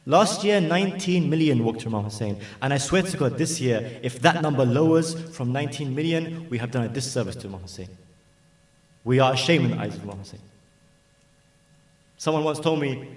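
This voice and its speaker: A man's voice: mid-range voice, expressive, a little fast. A man giving an urgent, pleading religious exhortation at a mourning gathering, repeating his phrases for emphasis. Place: large gathering hall. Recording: echoey hall, mic at a distance.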